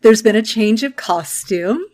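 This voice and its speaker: A young adult woman hosting a podcast, recapping a show in casual chat, profane and giggly with quick asides. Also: fairly high pitch, animated, a little mellow. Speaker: podcast host.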